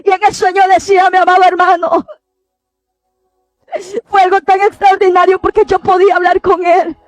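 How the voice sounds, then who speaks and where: A woman preacher with a very high voice gives an impassioned, tearful testimony. She pleads and sometimes breaks into shouts, but her pitch stays fairly flat. The recording is dry and close, with soft music underneath. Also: normal speed, no echo. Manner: repeats "mi amado hermano" to the listener.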